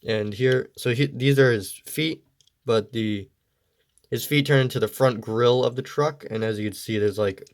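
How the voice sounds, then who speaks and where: A man's voice: mid-range voice, normal speed. A man with a stuffy, congested voice giving a casual, meandering toy review. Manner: easygoing, meandering explanations.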